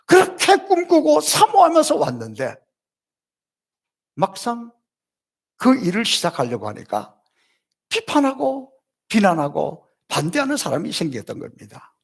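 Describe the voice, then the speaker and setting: Man, middle-aged, senior pastor, Sunday sermon, high voice, animated pitch, repeated building phrases, rhetorical questions. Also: breathy edge.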